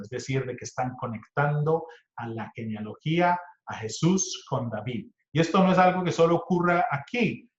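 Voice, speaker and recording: Man giving an online Bible lecture. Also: on the high side. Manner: explanatory, with many restarts and repeated words. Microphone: computer mic. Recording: echoey, dull computer mic audio.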